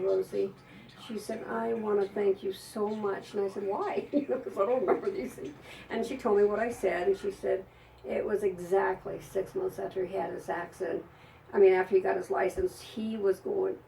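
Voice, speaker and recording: A woman's voice: medium pitch, gravelly, mellow, recorded from a distance, a little hiss or hum, rough recording. An older woman, a psychic, telling rambling anecdotes to an audience with frequent laughs. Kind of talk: storytelling to an audience.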